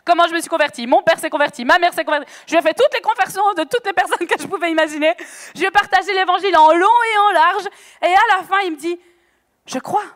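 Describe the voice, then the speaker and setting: A woman preacher telling a lively testimony sermon, chatty and animated, acting out dialogue with bursts of laughter, on a stage microphone in a church hall. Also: very high-pitched, quick pace. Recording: long echo of a church hall.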